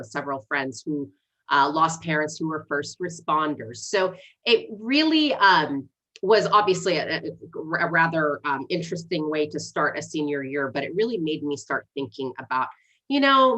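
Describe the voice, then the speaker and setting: In a low-quality recording, a woman in her forties speaks with a low, bright, forceful voice. Born in Egypt and raised in Canada and the United States, she learned English as a second language, and she earnestly introduces herself as a city council candidate during a livestream interview.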